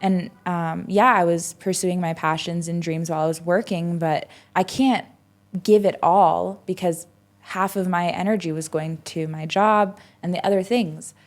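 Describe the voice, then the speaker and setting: A young woman in her twenties talks through a casual podcast interview, her voice a little lower than most. She rambles reflectively, looping back with fillers and restarts as she thinks aloud. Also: steady tone, unhurried, faint music behind. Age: 20s. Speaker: podcast guest.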